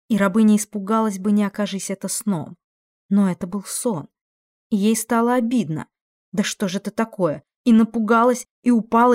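A woman's voice: mid-range voice, darkish tone. A woman narrating a dramatic fantasy audiobook expressively, acting out the dialogue. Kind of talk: dramatic fiction reading.

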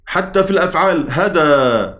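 Egyptian male teacher, slightly high voice, lectures by quizzing the room and answering himself, chants the verses slowly. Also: expressive, fairly bright tone. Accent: Egyptian Arabic. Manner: asks the class questions and answers them himself. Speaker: Quran recitation teacher. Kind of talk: classroom lecture.

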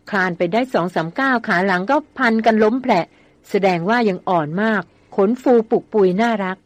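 A woman reading a novel aloud as an audiobook narrator, in a steady storytelling manner. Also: mid-range voice, no room sound.

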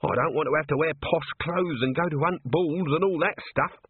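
A man's voice: a little high, moderate pace, breathy edge, no room sound, pitched above the performer's own voice. A man voicing a scruffy male corporal who moans in a plaintive, put-upon way. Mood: moaning. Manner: moaning, plaintive. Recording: tinny narrow-band, dry.

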